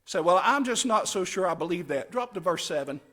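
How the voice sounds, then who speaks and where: A man preaching a camp meeting sermon in an emphatic, dramatic way, swinging between hushed phrases and loud cries and repeating short phrases for emphasis. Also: high voice, lively intonation, a little fast.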